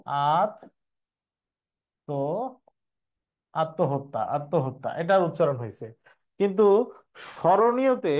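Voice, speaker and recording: A man's voice: a little high, darkish tone. A young man, teaching an exam preparation class and explaining step by step, repeating each question before answering it.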